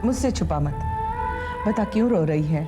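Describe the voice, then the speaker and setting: A woman's voice: low voice, expressive, moderate pace. A stern old grandmother. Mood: concerned. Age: older. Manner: firm, scolding, motherly. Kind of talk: TV serial acting. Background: background music score.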